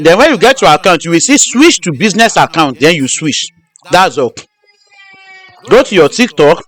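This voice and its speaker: Hosting a live stream, a man with a high, fairly bright voice teaches step by step. He's repetitive, restating his instructions and restarting phrases.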